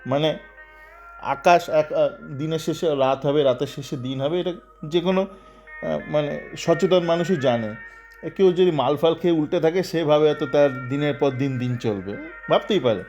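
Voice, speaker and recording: A man talks through a football controversy in a loose, sarcastic ramble, full of fillers. His voice sits a little high, and he jumps into agitated, raised tones when he acts out what others said. Faint music plays behind him. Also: moderate pace, a little mellow, muffled recording. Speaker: football commentator. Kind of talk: casual spoken commentary.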